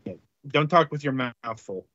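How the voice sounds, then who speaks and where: A man co-hosting a casual game-review podcast, talking haltingly with many fillers. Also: fairly high pitch, animated, fairly bright tone, no echo, muffled recording. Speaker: podcast co-host reviewing games.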